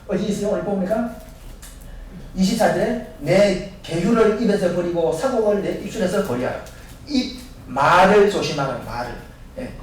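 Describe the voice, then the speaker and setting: A male pastor preaching a sermon in church, firing questions at the congregation and acting out the voices of people in Bible stories. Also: sits high. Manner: asks the congregation questions and answers them himself. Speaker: senior pastor. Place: church sanctuary. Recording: echoey church from a distance.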